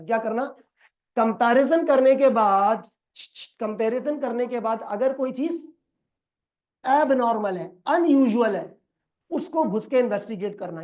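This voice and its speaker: Mellow-voiced male teacher quizzing students. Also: very high voice, highs cut off. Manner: quizzes students, acts out dialogues. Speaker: accounting teacher. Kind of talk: classroom lecture.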